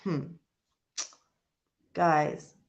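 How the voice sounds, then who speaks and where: On a muffled recording, a livestream host talks extremely slowly, chatting casually with her audience and reading their comments aloud. She's a British woman who was born in Jamaica and raised in the UK, and her manner is earnest and emphatic.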